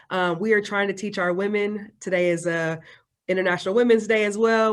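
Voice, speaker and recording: A woman hosts a coaching interview, upbeat and talkative. Her questions run long and wordy, with a mid-range voice. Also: mid-range voice. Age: adult doctoral student.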